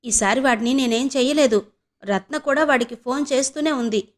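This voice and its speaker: A woman voicing a calm, patient middle-aged husband who speaks mildly in an audio novel. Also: sits high, fairly quick, lightly acted. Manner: mild, reassuring.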